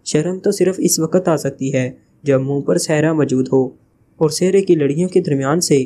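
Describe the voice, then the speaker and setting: A man's voice: a little high, normal speed, mellow, natural voice. A man reading the part of a sly, joking male spy leader in a teasing, evasive way.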